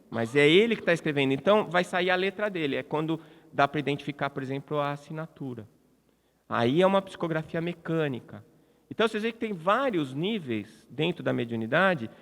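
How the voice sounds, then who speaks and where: A Brazilian man with a somewhat high voice delivers a spiritist lecture at a congress. He talks conversationally, restarting phrases and tagging questions onto his points. His voice rings out with a long reverb from the large hall. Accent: Brazilian Portuguese.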